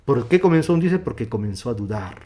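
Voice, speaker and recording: A man preaching a sermon as pastor, swinging from loud, emphatic passages to hushed, low endings. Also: sing-song, quick pace. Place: church.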